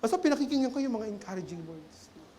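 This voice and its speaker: Middle-aged Filipino man as a lay preacher, high-pitched and animated, with playful humor. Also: fast, slight background noise. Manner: animated, humorous, keeps adding a questioning tag to his phrases. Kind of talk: sermon. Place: church sanctuary.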